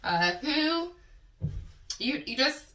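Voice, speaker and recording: A woman's voice: sits high, big pitch swings, extremely slow, pushed and bright, far from the mic. A woman from the Texas Panhandle with a West Texas accent, chatting casually in her eating vlog, stretching out her words and saying y'all. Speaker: mukbang vlogger. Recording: echoey room, a bit off-mic.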